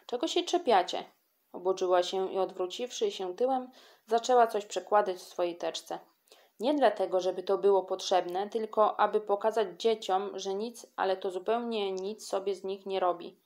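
A woman reading a children's audiobook with lively, expressive storytelling. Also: mid-range voice, moderate pace. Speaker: audiobook reader.

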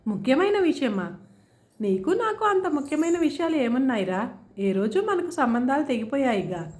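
Shrill, scornful village aunt with a swooping voice, read by a woman narrator. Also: very animated, normal speed. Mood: angry shouting. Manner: taunting, shouting scornfully. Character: sarcastic, loud-mouthed middle-aged village aunt.

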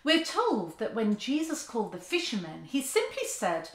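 An earnest woman in her fifties preaches to the camera from her sofa, her voice rising and falling in wide, lively swings. The room around her is echoey, and her hands move as she talks. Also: fairly high pitch, normal speed. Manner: earnest, expressive, with open hand gestures. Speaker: church speaker. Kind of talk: sermon talk to camera. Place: living room, seated on a sofa indoors.

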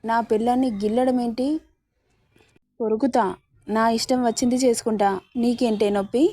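A woman's voice: fairly high pitch, steady tone, normal speed, dark tone, no echo, clean studio sound, natural voice. A woman voicing a teasing, playful young husband, bossy and mischievous, in a romance story reading.

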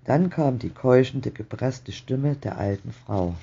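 Ein Mann, der ruhig und spannungsvoll eine Gespenstergeschichte vorliest. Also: male voice, mid-range voice, measured pace, creaky, dark tone, slightly rough. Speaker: reader of a ghost story. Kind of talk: slow storytelling reading. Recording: dull muffled home recording.

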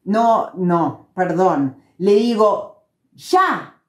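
Animated woman co-host. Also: medium pitch, moderate pace. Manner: animated, playful storyteller. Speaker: podcast co-host. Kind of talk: casual podcast chat. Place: room at home. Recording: echoey room at home.

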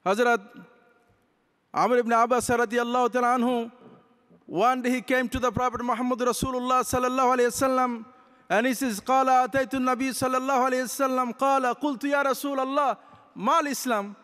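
A man preaches at a podium in a large convention hall, his voice very high and smooth. He speaks with passion, weaving Arabic recitation into his English, and the long reverb of the hall trails behind each phrase. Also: fairly even intonation, a little fast, fairly bright tone. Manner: impassioned, gesturing with both hands. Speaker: imam. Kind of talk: convention speech. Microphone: podium microphones.

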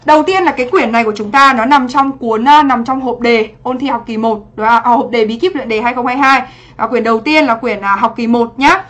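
A woman's voice: on the high side, a little fast, fairly bright tone. A woman teacher running a livestream exam review, greeting viewers by name and checking after each point whether they follow. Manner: chatty, asks for confirmation after each point. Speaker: English teacher.

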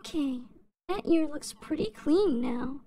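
Woman doing gentle little sister ear cleaning asmr, ASMR role-play, high soft voice, noisy background. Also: expressive. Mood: gentle, soothing. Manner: soft, soothing, unhurried.

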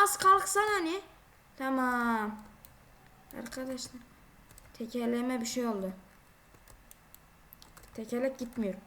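A high-pitched woman chats her way through a driving game. She talks casually and exclaims a lot, scolding the drivers who block her way. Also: fairly bright tone. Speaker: gaming video creator. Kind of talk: casual gameplay commentary.

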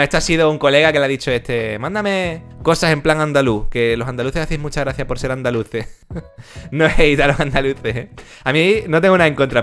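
A man's voice: fairly high pitch, a bit bright. A man from chatting casually while reacting to a video on a live stream, with frequent "tío" and "¿sabes?".

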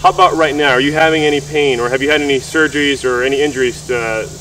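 Male physical therapist, thirties, explanatory interviewer style, slightly high pitch, faint noise behind. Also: fairly even intonation, fast talker, pushed and bright. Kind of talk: explanatory instructional talk and interviewing. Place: mostly outdoors on a golf course. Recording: distant mic with faint background noise.

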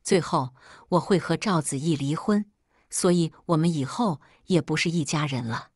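A woman narrating a first-person family drama story in a calm, cool telling. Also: sits low, normal speed, breathy edge, dry recording, studio quality.

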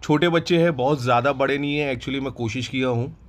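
A man who owns a goat farm walks viewers through his new stock in an unhurried, casual way with many hesitations, recorded on a handheld phone outdoors in the farm yard. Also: mid-range voice. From India. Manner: relaxed, unhurried, with frequent hesitations. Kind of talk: casual promotional farm tour.

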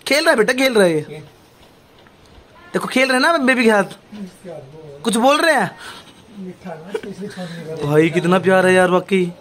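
A young Indian man filming his pets at home, giving excited casual commentary and coaxing the animals. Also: high-pitched, moderate pace, long pauses. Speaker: pet vlogger.

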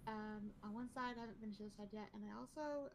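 A woman's voice: medium pitch, quick pace, slight background noise, low-quality recording. A woman chatting in a meandering way in character during a game role-play. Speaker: role-play player as counter server.

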